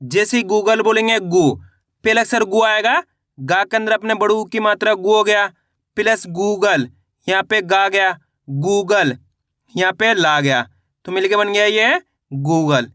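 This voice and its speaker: A Hindi reading teacher with a high, bright, ringing voice leads beginners through a slow spelling lesson, sounding out each syllable before joining them into a word. At a measured pace he asks how to read each word, answers himself, and addresses viewers as friends, patiently and step by step. The recording is close and dry, with no room sound.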